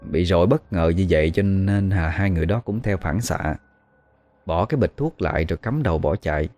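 Deep-voiced Southern Vietnamese storyteller. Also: male voice, darkish tone, soft background music. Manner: slow, measured, hesitant with fillers. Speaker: ghost story host. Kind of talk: storytelling narration.

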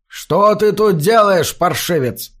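A man's voice: high voice, lively intonation, takes it slowly, a bit bright, voice pushed up, exaggerated voice. A man voicing a short, balding, hot-tempered male innkeeper who barks and scolds. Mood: angry. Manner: barking, scolding.

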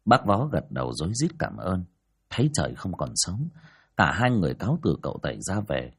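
A man tells a spoken ghost story. His voice sits low and husky, and he swings it up and down for drama. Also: big pitch swings, a little fast. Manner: dramatic, rising and falling telling.

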